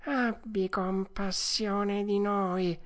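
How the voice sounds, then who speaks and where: A woman doing a whining, slow old fox. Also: medium pitch, steady tone, pitched above the performer's own voice. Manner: whiny, drawn-out pleading. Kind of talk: storybook reading.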